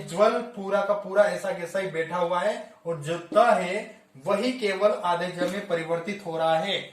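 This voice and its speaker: In this Hindi grammar class for exam preparation, the man explains every rule in steps and then repeats it, speaking in a high voice. The room echoes and the microphone is placed far from him.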